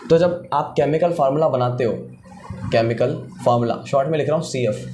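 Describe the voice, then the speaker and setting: A man's voice: medium pitch, a little fast, noisy background. A man teaching chemistry in a classroom-style lecture. He asks questions, answers them himself, and repeats each step.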